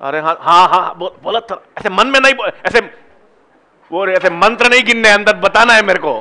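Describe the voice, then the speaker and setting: Teacher, male, high bright voice, coaxes students to try answers in a classroom. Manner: coaxing, encouraging students to answer; slow, deliberate when explaining steps. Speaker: biology teacher. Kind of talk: classroom lecture with student questions.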